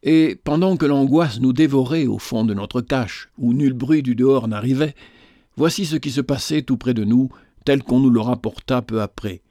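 A man's voice: medium pitch, mellow, no room sound. Man reading a story aloud, dry sound. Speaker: narrator.

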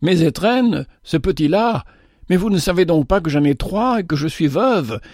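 A man's voice: on the high side, expressive, moderate pace, a little mellow, no echo, clean studio sound, pitched above the performer's own voice. A man voicing an exclaiming poor widow. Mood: tender. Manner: heartfelt, exclamatory. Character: poor kindly widow, mother of three.

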